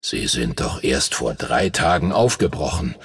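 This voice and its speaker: Grumpy ancient dragon. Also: male voice, lively intonation, slightly rough, full character voice. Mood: dismissive. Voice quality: deep rumbling growl. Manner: grumbling, slow and weary. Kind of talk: audiobook character voice.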